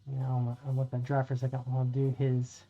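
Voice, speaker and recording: A middle-aged man streams himself painting miniatures, chatting casually to viewers, rambling, and cursing occasionally; he's a streamer and dungeon master. His medium-pitched voice is completely flat and fairly quick. He's in a room at home by a window, on dull lo-fi audio with faint music.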